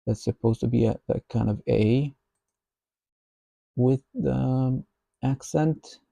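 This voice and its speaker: A man thinking aloud while he codes, musing slowly and half to himself. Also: medium pitch, gravelly, warm tone, no room sound. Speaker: software developer.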